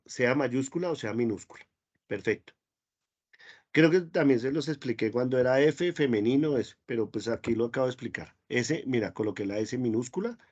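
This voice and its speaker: A man's voice: medium pitch, muffled recording. A man teaching a spreadsheet class online, patient and repetitive, often praising questions.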